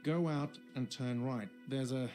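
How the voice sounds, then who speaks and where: A man's voice: medium pitch, steady tone, unhurried, mellow, faint music behind, lightly acted. An actor voicing a grumpy, money-minded male cafeteria manager in a video game, curt and irritable.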